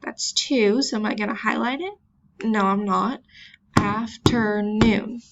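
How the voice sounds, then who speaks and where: This teacher's medium-pitched, creaky voice comes through a computer mic at normal speed, with dull audio and heavy background noise. Teaching a virtual class, she sounds words out patiently and makes chatty jokes at her own expense.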